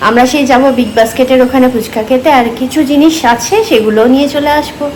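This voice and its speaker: A woman's voice: sits high, quick pace, a little hiss or hum, poor audio. A woman, chatting casually through a home vlog, rambling with many fillers. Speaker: vlogger.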